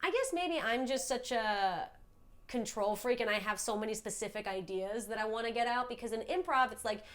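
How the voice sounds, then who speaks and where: A woman's voice: fairly high pitch, normal speed. A woman, a comedian and writer, talking as a podcast guest in a chatty way, with frequent filler words. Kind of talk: casual podcast conversation.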